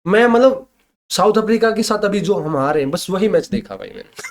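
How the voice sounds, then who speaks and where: Young man, from Haryana, podcast guest, high voice, emphatic, repeats himself, heated debate. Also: sing-song, fairly quick. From Haryana, India. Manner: emphatic, keeps saying "bhai", repeats points.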